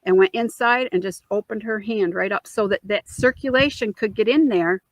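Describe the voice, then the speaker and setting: A woman tells a personal family story as an interview guest, earnest and heartfelt. She slips into the voices of the people she quotes. Her voice sits at a middle pitch and is recorded close and dry. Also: normal speed, no echo, low-quality recording. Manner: earnest, acts out quoted dialogue.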